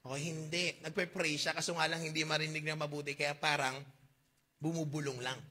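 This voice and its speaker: A man with a Filipino accent preaching a sermon, reading old-fashioned scripture slowly and asking his congregation questions. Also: a little high, little pitch movement, bright, forceful tone. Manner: mixes Tagalog and English, reads KJV verses slowly; asks the congregation questions, jokes. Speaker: pastor.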